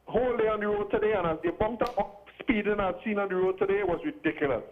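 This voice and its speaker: A high-pitched man phones in to a talk show, and the line is muffled and keeps breaking up. He asks his question deliberately, repeating and correcting himself as he goes. The sound is thin and tinny, squeezed into a narrow phone band. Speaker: radio call-in caller.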